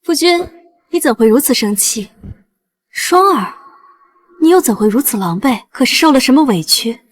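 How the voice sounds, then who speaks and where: Brief: a falsely gentle wife, high soft voice, coaxing. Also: female voice, expressive, moderate pace. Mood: false gentleness. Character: sweet-talking middle-aged wife, falsely gentle, scheming. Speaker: second wife. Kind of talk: dubbed costume drama acting.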